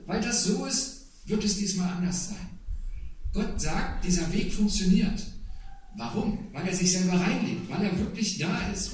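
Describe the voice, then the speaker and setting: A man's voice: high-pitched, a little hiss or hum. A man preaching a sermon in a conversational way, with asides to the congregation. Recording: very echoey hall, voice from a distance.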